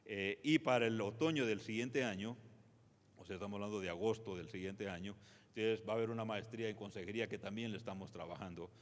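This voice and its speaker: A man's voice: lowish voice, fast. A man presenting at a church conference, speaking conversationally with many fillers and restarts. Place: church sanctuary. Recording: long reverb of a church hall.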